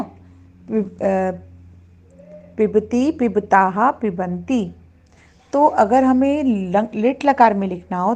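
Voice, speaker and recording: A woman's voice: mid-range voice, mellow. A woman teaching a Sanskrit grammar lesson to children, patiently reciting verb forms one by one.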